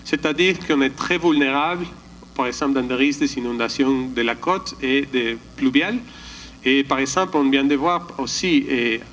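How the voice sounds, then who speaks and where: A man's voice: mid-range voice, a bit bright, slight background noise, poor audio. A man giving a slide presentation at a conference, hesitant, often restarting and searching for words. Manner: calls for the next slide.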